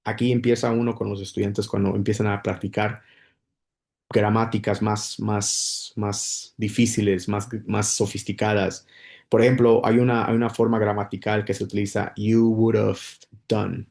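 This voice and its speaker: A man's voice: fairly low pitch, little pitch movement, normal speed, a little mellow. A man giving a casual spoken English lesson, explaining patiently with many repetitions and restarts. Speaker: English teacher.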